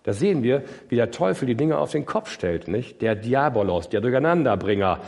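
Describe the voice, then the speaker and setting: A man's voice: very animated, brisk, vocal fry. A man preaching a sermon, emphatic and questioning his listeners directly. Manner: emphatic, swings from loud high outbursts to low quiet asides. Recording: long hall reverb.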